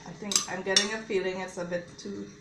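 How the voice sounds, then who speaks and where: A mother talks viewers through a home recipe in an easy, chatty way. Her voice sits at an ordinary pitch for a woman. The kitchen rings with echo, and cutlery and pans clatter behind her. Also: steady tone, brisk, heavy background noise. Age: adult mother. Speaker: home cook showing a recipe. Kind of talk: casual cooking demonstration. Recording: echoey kitchen with clattering cookware. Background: dishes, cutlery and blender clatter.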